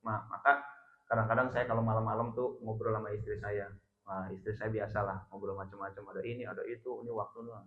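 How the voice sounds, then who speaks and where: A middle-aged man giving a lively sermon, chatty and rising loud on key phrases. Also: on the low side, fast talker. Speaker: preacher. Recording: roomy, dull lo-fi sound.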